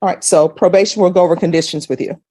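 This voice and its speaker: A woman's voice: lowish voice, fairly even intonation, quick pace, warm tone, dry recording. A woman speaking as a judge in a courtroom, questioning and lecturing in a stern, plain-spoken, admonishing manner.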